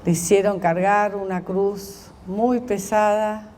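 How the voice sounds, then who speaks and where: A woman slowly telling a story as a meditation, pausing often and voicing the quoted lines of its characters. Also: mid-range voice, steady tone, a little mellow, a little hiss or hum.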